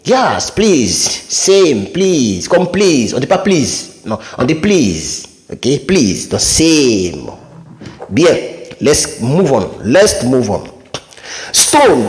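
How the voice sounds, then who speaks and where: Man, vocabulary teacher, slow delivery, lively pitch, repeats words, chatty. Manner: chatty, repeats words slowly, corrects himself. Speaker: English teacher. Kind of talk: casual vocabulary lesson.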